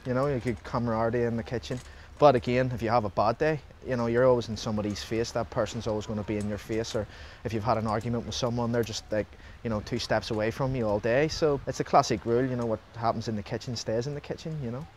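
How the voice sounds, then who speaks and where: Fast-talking man in casual interview. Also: medium pitch, fairly even intonation, a little mellow, a little hiss or hum. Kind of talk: casual interview talk about kitchen life. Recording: faint background ambience.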